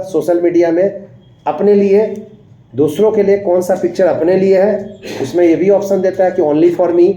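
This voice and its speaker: A man's voice: high-pitched, warm tone, roomy sound, rough recording. A man teaching English to a class, mixing Hindi with English phrases, repeating lines and telling stories from his own life. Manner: tells anecdotes, addresses students directly. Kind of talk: classroom lecture.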